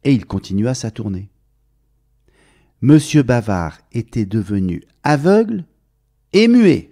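A man tells a children's story at an unhurried pace, his pitch rising and falling expressively. His tone is warm and mellow, and he speaks gently to the young listener, drawing them into the tale. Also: big pitch swings.

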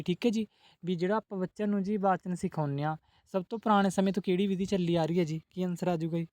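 A man's voice: sits high, dark tone, dry recording. A man teaching exam-prep questions, who asks each question and then answers it, adding a polite "ji" again and again.

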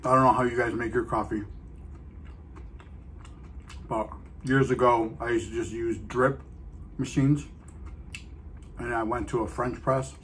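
Man, mouth full of food, chewing while talking, relaxed rambling chat, mid-pitched voice, faint background noise. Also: a little slow, long pauses. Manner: easygoing, rambling. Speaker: food vlogger. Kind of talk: casual mukbang chat.

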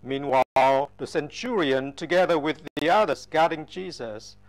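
A man giving a liturgical Gospel reading at Mass in a church, in a slow, measured, solemn way. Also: on the high side.

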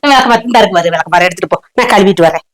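A woman's voice: mid-range voice, soft background music. A woman in a scripted comedy sketch, bossily giving orders. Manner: bossy, giving rapid orders.

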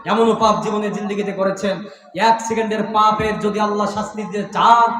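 High-pitched, impassioned preacher. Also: male voice, level tone, quick pace, far from the mic. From Bangladesh. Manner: impassioned, sing-song delivery rising into shouted chanting; calls on the crowd to respond aloud. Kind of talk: chanted sermon at an outdoor religious gathering. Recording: reverberant public address with faint music.

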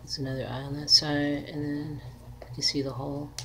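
A woman in her thirties chatting casually to camera in an unhurried, rambling way, as an artist showing her handmade crafts. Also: sits low, little pitch movement. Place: small cluttered room indoors. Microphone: device mic at arm's length. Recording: noisy home webcam recording.

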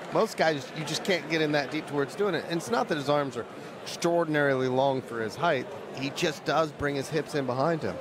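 A man giving conversational technical analysis as a co-commentator at a live fight. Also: medium pitch. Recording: crowd and venue noise behind. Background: arena crowd.

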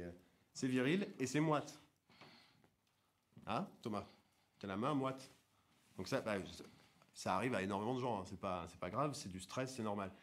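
An actor playing a pushy job-interview coach who lectures, interrupts and keeps restarting the drill, in a film comedy scene. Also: male voice, on the low side, close to an everyday voice.

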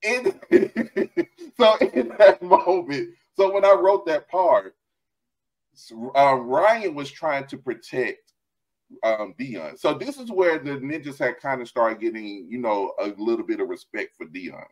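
Over a headset on a relaxed video call, a middle-aged author and host talks from a home room at an unhurried pace in a medium-pitched voice. He's animated, gestures, and laughs a lot, though the recording is rough.

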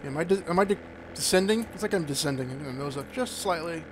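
A man chatting casually as he plays, excitable and quick to break into panicked yelps. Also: a little high, noisy background. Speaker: gaming streamer. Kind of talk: casual gameplay commentary.

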